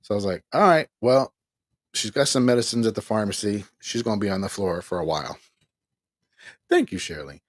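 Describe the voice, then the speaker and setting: A tired online ministry host at home rambles casually through a candid personal story, laughing between complaints. His fairly low, husky voice moves briskly with big pitch swings, and the recording is dry and close with no room sound.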